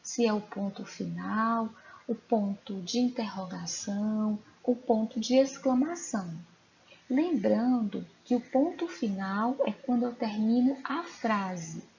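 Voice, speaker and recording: Slow, clear schoolteacher woman. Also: on the high side, darkish tone. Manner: slow, clear, questioning pupils directly. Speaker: teacher. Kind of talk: recorded online class lesson. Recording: dull lo-fi recording, faint noise.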